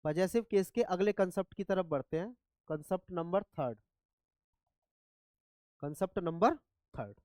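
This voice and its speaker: A man's voice: high voice, moderate pace, long pauses, a little mellow, no echo. A man teaching English grammar in a classroom lecture, often checking whether students follow. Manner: asks students repeatedly if they follow.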